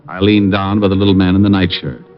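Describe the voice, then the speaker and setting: This low-voiced man plays a dry, wisecracking detective telling his own case, straight out of 1940s-50s radio. His tone stays level, the pace quick, the acting light and wry. Faint music plays under the dull, dated recording.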